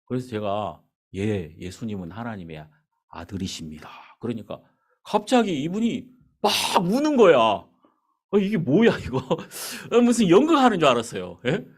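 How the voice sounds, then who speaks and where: In a church sanctuary, a male pastor delivers a sermon built around a story, animatedly acting out the dialogue. His voice is high and his speed normal.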